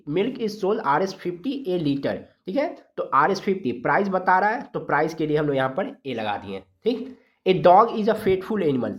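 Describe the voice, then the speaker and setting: A teacher from India giving a grammar lesson, explaining rules step by step, sounding letters out slowly and checking in often with the class. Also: mid-range voice. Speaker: exam-prep English grammar teacher.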